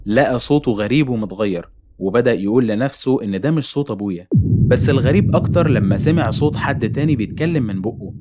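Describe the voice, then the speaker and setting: A man's voice: medium pitch, expressive, quick pace, dark tone. A man with an Egyptian accent narrating a horror story in a dramatic, ominous way. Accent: Egyptian Arabic. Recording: noisy home recording.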